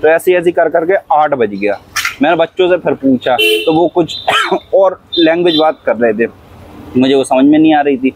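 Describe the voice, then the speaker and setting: A man's voice: a little high, big pitch swings, normal speed, a little hiss or hum, low-quality recording. A man, a cab driver, telling a long story in a rambling, repetitive way, often coughing and acting out what people said. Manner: rambling, repeats phrases, acts out quoted dialogue; coughs often while talking. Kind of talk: casual storytelling interview.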